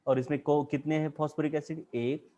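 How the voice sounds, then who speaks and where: A man's voice: fairly high pitch, flat delivery, brisk, mellow. A man with an Indian accent teaching chemistry in a classroom lecture, drawing at a board and asking the class question after question.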